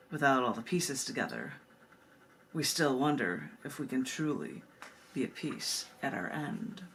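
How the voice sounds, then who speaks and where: A low-voiced woman, a poet hosting a book reading, recites poems and makes casual remarks between them. The recording is noisy, with clearly audible background noise.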